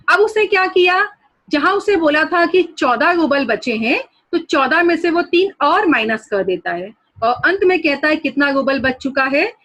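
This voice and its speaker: A high-voiced woman teacher giving an online lesson. She reads a story passage by passage, explains it patiently and has her students note down new words. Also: fairly bright tone, poor audio. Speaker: school teacher.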